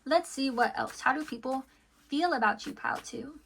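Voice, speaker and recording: A woman's voice: high voice, moderate pace, gravelly, fairly bright tone, slightly rough. A woman giving an intuitive tarot reading to her viewers, chatty and full of "okay" and "like" fillers. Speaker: tarot card reader.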